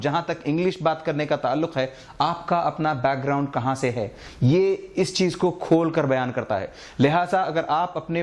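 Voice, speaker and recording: A man explaining English letter pronunciation in a lesson, patiently repeating each sound as a model. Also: a little high. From India. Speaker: English teacher.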